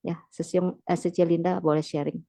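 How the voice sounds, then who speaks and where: Low voice lady moderating, soft and encouraging, dry mic. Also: level tone, normal speed, creaky, no echo. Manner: gentle, encouraging, affirming. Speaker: host. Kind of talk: moderating a group sharing.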